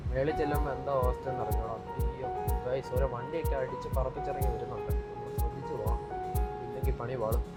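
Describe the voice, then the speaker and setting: A man's voice: mid-range voice, steady tone, fast, over loud music. A young Malayali man chatting casually to viewers in a driving vlog, mixing English words and slang into his speech. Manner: informal, repeatedly addressing viewers. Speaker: vlogger.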